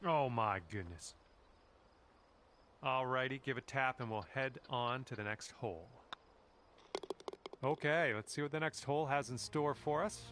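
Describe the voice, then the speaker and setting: An actor playing a friendly golf game commentator who speaks calmly and encouragingly to the player in scripted lines. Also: male voice, medium pitch, measured pace, pauses often, slight background noise, natural voice.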